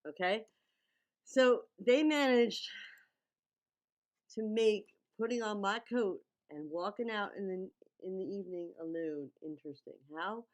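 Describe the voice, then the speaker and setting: A woman's voice: medium pitch, normal speed, few pauses, dull audio. A woman giving casual, teacherly running commentary as she breaks down visuals, often checking in with the listener. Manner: teacherly, checks in with okay and right. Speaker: video commentator breaking down a music video.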